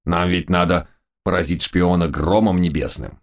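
A man's voice: low voice, steady tone. A man voicing a trio of pompous, dim raccoon judges of a holy order, drawing out preachy phrases that start with a solemn "O". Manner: drawn-out, preachy, every phrase opened with "O". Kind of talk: audiobook character voice.

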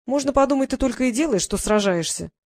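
A curious, spirited girl with a quick tongue and a stubborn streak, as a narrator puts her on. She often lifts a little higher than the narration in a storybook reading. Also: animated, no room sound.

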